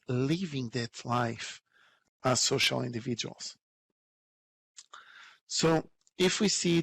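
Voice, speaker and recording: Man, nurse presenting at a conference, gravelly voice, earnest and heartfelt, halting, repeats words. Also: mid-range voice, a bit bright. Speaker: nurse and educator giving a conference talk.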